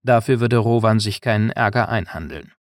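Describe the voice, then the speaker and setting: Low-voiced man narrating an audiobook. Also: normal speed, dry recording, clean studio sound. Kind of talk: scripted narration.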